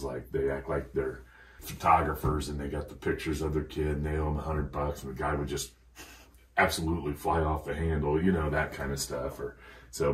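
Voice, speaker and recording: A middle-aged man with a very low, deep voice tells rambling stories and laughs through them. He sits a little back from the mic in an echoey room. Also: distant mic. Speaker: podcast guest. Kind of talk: casual chat, storytelling.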